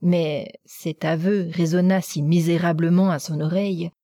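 A woman's voice: fairly low pitch, fairly even intonation, normal speed. A woman narrating a novel as an audiobook, reading evenly and steadily.

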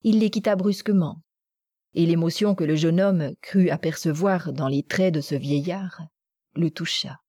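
A woman narrates a novel in an audiobook. Her voice is low-pitched, warm and mellow with a husky grain. The recording is close and dry. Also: measured pace, no room sound.

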